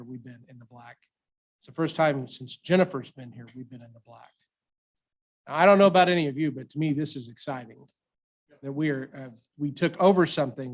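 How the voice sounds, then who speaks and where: Enthusiastic superintendent with a slightly high voice. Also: male voice. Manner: enthusiastic and jokey. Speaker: school superintendent. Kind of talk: speaking at a school board meeting. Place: school board meeting room.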